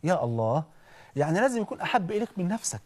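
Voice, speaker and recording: A man with an Egyptian accent preaching in an animated, conversational storytelling way, often checking in with listeners. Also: high voice, very fast, slightly rough. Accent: Egyptian Arabic. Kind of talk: storytelling sermon.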